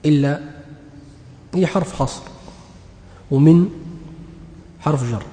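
A man's voice: fairly high pitch, slow pace, mellow. A man teaching an Arabic grammar lesson, explaining step by step and quizzing his students with questions. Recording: echoey hall with long reverb.

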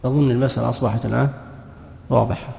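A man's voice: mid-range voice, fairly even intonation, very fast, creaky, mellow. A man giving a religious lesson on Islamic law, reading a passage and then explaining it, posing questions and answering them himself. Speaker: teacher of Islamic jurisprudence. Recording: echoey hall with long reverb.

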